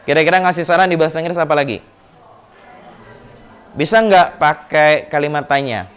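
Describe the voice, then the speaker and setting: A man's voice: on the high side, moderate pace, a bit bright, clean tone. A male English teacher with an Indonesian accent, explaining patiently in class and repeating words to drill pronunciation. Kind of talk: classroom lesson.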